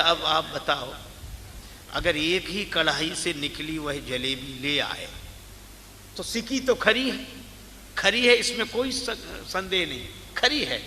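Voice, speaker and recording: A man's voice: fairly high pitch, sharp tone. A man preaching a devotional sermon, telling parables and acting out the characters in his stories. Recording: reverberant hall with faint background noise.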